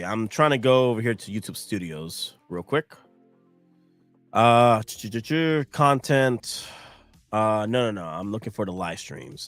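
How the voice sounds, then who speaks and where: A man's voice: mid-range voice, fairly bright tone, no room sound. A man in his thirties with a Southern American accent, chatting loosely on a live stream, tired and rambling with restarts and asides to his viewers. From United States. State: tired, sleep-deprived. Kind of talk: casual live-stream chat.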